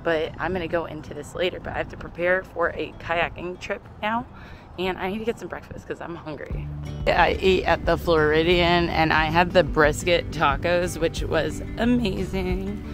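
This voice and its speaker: A woman narrates her travel vlog outdoors, chatty and enthusiastic in an informal way. Her voice sits on the low side, with clear music playing behind her. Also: normal speed. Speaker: travel vlogger. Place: outdoors in a historic old town.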